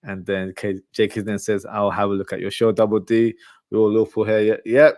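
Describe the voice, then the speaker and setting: In a laid-back live stream, a football podcast host previews the match, reads comments and speaks informally straight to his audience. He is from a Pakistani family from Lahore, with Urdu as his first language at home. His low, fairly quick voice is completely flat and a little mellow, recorded dry.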